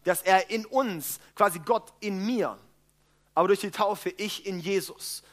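A man's voice: sits high, unhurried. A male pastor giving a casual, chatty sermon, often checking in with "ja?" and laughing at his own jokes.

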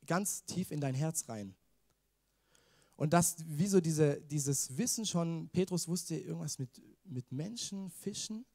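A man's voice: fairly high pitch, warm tone. A man gives a casual, chatty sermon in a slightly raised voice. He keeps turning to his listeners with questions and drops English slang into his talk. His delivery is loose and conversational. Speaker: preacher. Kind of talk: informal youth sermon.

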